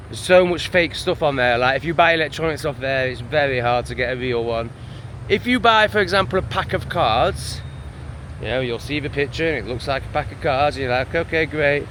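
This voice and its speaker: A man's voice: a little high, a bit bright, slight background noise. A man with an English accent in a casual vlog rant, exasperated and sweary, rambling from one gripe to the next. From England. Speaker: vlogger. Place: home in a town, street sounds outside.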